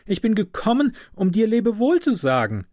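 A man's voice: a little high, big pitch swings, a little slow, mellow, no room sound, studio quality, voice pushed up, exaggerated voice. A man reading a storybook aloud and voicing a loyal, kind-hearted female swallow in a raised, pleading voice.

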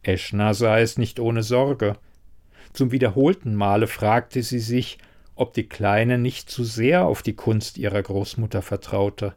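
A man reading a fantasy novel aloud with steady, even narration. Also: on the low side, measured pace. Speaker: audiobook narrator. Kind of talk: scripted narration.

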